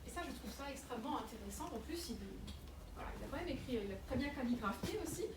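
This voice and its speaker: Young woman, lecturer, hesitant with fillers, fairly high voice, distant mic, noisy. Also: expressive, fast. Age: young adult. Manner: hesitant, many fillers and restarts. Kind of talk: public lecture. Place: museum lecture room. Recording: echoey room, mic far off, noisy.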